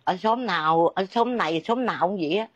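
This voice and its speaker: A woman's voice: lowish voice, a little fast, muffled recording, lightly acted. A woman playing a blunt fed-up neighbor. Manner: blunt, dismissive scolding. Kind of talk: sketch comedy acting.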